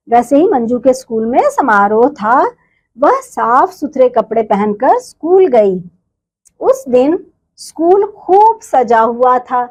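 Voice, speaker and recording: A woman's voice: high-pitched, darkish tone. A woman teacher reading a storybook lesson to young children, explaining and repeating words for them.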